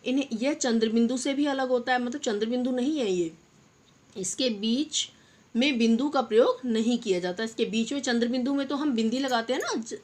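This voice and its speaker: A young adult woman teaching a Hindi grammar lesson to young children, patiently repeating example words slowly and addressing her pupils fondly. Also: on the high side, darkish tone. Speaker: primary school teacher.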